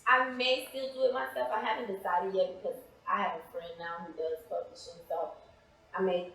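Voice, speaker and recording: Her mid-range voice is steady, fairly bright and fairly quick as she responds to interview questions in a conversational, reflective and earnest tone. She is an American playwright and author appearing as a guest, and the recording is heavily echoey.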